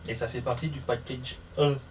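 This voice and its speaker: Steady in tone and moderate in pace, a mid-range male voice narrates a casual motorcycle tutorial vlog to camera, often muttering to himself through the steps. A distant mic picks him up along with clear background noise.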